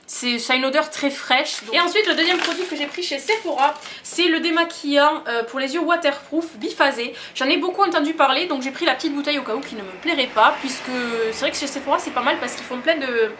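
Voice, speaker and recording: Young woman vlogger gushing over her haul, bright highish voice, faint hiss behind. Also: quick pace, few pauses. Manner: gushing, enthusiastic chatter. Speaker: beauty vlogger. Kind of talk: casual haul vlog.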